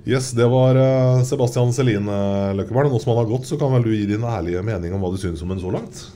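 A man's voice: mid-range voice, dark tone, a little hiss or hum. A man hosting a casual sports podcast, talking in a chatty way with loosely phrased thoughts and questions. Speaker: podcast host.

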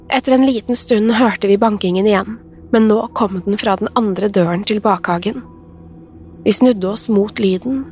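A woman narrating a horror story in a measured, suspenseful way. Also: medium pitch, darkish tone.

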